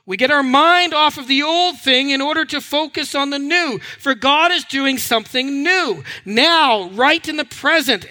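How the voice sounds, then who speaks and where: High-voiced man preaching a sermon. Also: sharp tone. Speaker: pastor.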